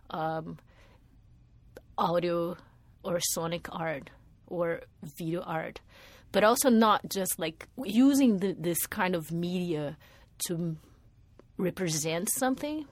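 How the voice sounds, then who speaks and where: A middle-aged Brazilian woman, a media artist and former art teacher, answers interview questions thoughtfully. Her voice is fairly low, there's no room sound, and she restarts often and uses many fillers.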